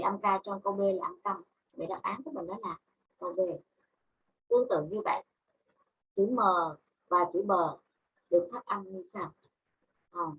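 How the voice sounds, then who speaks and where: A woman's voice: fairly low pitch, a bit bright, husky, muffled recording. A woman English teacher with a Vietnamese accent, giving a class, spelling words out letter by letter and explaining in Vietnamese. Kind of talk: online class lesson.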